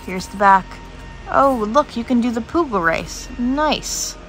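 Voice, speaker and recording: A woman with a slightly high, stuffed-up voice talks her way through an unboxing. She sounds congested and unhurried, describing each part of a toy as she goes in a chatty vlog manner. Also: expressive, a bit bright, soft background music. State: congested, sick voice. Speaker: vlogger. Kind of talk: casual unboxing commentary.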